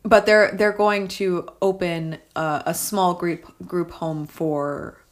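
A woman's voice: fairly low pitch, steady tone, takes it slowly. A woman co-hosting a casual film discussion, chatty and filler-heavy, often checking in with "right?". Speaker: podcast co-host.

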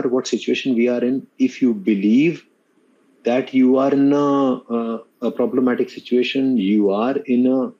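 A man's voice: medium pitch, warm tone, lo-fi sound. A middle-aged man with an Indian accent giving earnest, unscripted advice as an interview guest, often repeating words for emphasis. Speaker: podcast guest, mentor to students.

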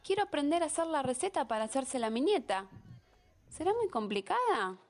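An eager grandmother , played by a woman asks curious questions in a children's stage play. She speaks, and her fairly high voice moves in lively curves. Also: brisk. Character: eager grandmother wanting to learn a recipe.

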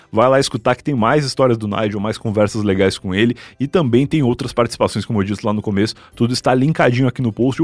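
A man's voice: mid-range voice, no echo. A man hosting a podcast, friendly and upbeat, reacting briefly and then closing the episode. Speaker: podcast host. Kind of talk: casual chat and podcast sign-off.

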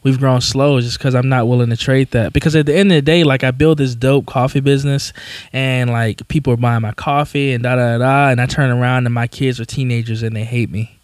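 A man around thirty, a coffee business owner interviewed as a guest, speaking earnestly and haltingly with many "um"s and "like"s. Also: medium pitch, steady tone, no room sound, studio quality. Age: 30s. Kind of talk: casual interview chat.

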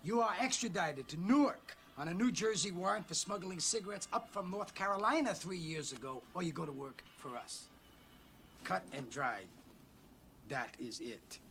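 An unhinged, ferocious police detective. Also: male voice, high voice, animated, normal speed, slight background noise. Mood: menacing. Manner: explosive shouting, sudden bursts. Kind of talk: film dialogue.

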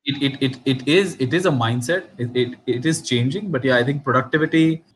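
A man's voice: medium pitch, a little fast, a little hiss or hum. A man with an Indian accent interviewing casually, repeating words as he builds his point. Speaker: interviewer and investor.

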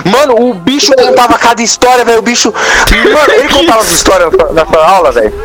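A young man with a Brazilian Portuguese accent chatting casually with friends, slangy and excitedly repeating himself. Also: extremely high pitch, quick pace. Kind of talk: casual chat among friends. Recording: prominent music behind the voice.

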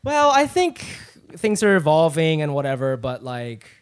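A comedian guest on a laid-back podcast tells rambling, candid, profane stories in an American accent; he came from Japan and grew up in Ohio from age eight. His slightly high, smooth voice swings hugely in pitch at a moderate pace.

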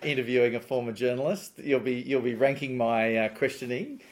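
A man's voice: medium pitch, steady tone. Friendly Australian man hosting a podcast. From Newcastle, Australia. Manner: friendly, slightly halting, repeats words. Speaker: podcast host, politician. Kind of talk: conversational interview.

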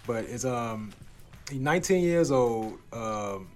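A man's voice: medium pitch, animated, slow pace, faint music behind. A man from Chicago hosting a casual, profane group chat, laughing often as he talks. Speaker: podcast host.

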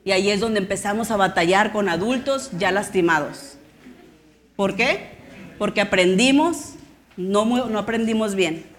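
A woman's voice: mid-range voice, moderate pace. Impassioned woman pastor preaching. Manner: impassioned preaching with acted-out quotes of shouting parents. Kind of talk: sermon.

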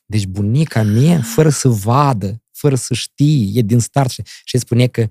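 Gravelly man telling stories. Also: mid-range voice, dry recording, studio quality. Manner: animated storyteller who acts out dialogue. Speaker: guest, actor. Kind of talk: casual interview chat.

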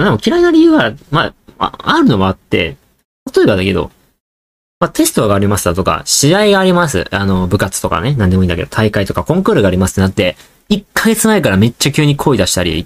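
Fast, lively-voiced male podcast host. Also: medium pitch. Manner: rambling, joking, talks straight to listeners. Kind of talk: casual solo podcast chat.

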